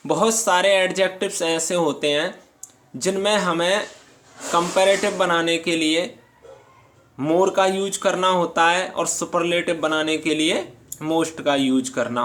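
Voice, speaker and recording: Slow, patient male English teacher. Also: on the high side, a bit bright. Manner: slow, patient, reads English lines aloud then explains; checks in often with "theek hai". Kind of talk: grammar lesson explained in Hindi.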